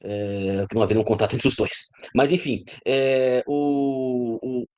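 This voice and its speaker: A man's voice: mid-range voice, lively intonation, unhurried, gravelly, darkish tone, smooth. A man, a guest commentator, who hesitates at first and then explains in a lecturing way. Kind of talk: explanatory discussion.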